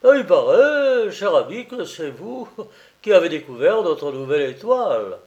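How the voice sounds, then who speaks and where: A man's voice: a little high, sing-song, normal speed, a little mellow, muffled recording, voice pushed up. A man voicing a courteous journalist. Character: polite male journalist, smooth and curious. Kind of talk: audiobook character reading.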